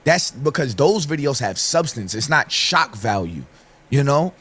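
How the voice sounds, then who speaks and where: A man with a dry, hoarse throat giving his opinions in a commentary video and talking straight to his viewers. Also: medium pitch, sing-song, measured pace, a bit bright. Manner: opinionated, conversational, addresses viewers directly. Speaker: online commentator.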